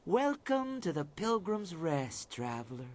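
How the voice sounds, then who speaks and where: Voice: mid-range voice, sing-song, a little slow, a little hiss or hum. An actor voicing a wary keeper of a haunted inn in a video game, speaking formally and with suspicion. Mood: guarded.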